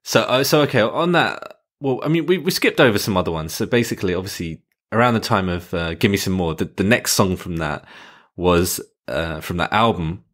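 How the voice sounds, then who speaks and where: Male podcast co-host with a very deep voice, laid-back chatter. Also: moderate pace, fairly bright tone. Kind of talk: casual chat.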